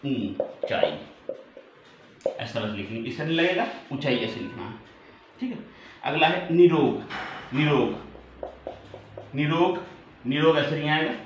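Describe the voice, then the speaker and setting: A man teaching an online exam-prep lesson, spelling out words slowly and checking in with his students often. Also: medium pitch, fairly bright tone. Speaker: Hindi teacher. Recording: muffled echoey room, faint background hum.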